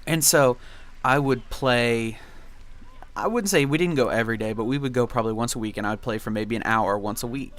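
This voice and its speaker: A man's voice: mid-range voice, a little fast, fairly bright tone. A young man reminiscing casually in gameplay commentary, with a laid-back, rambling and nostalgic way of talking. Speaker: video game commentary host.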